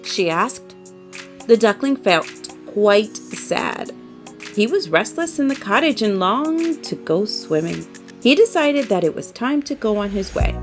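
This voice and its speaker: A woman reads a children's story in a dramatic, emphatic, very animated style, her pitch ranging widely at an unhurried pace. Soft music plays behind her narration.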